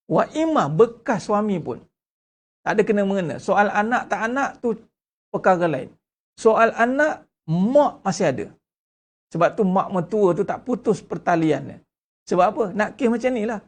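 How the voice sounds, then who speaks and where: A man with a Malaysian Malay accent gives a religious lecture as a religious teacher, speaking emphatically and asking rhetorical questions. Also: vocal fry. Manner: emphatic, rhetorical questions, lively swings in pitch.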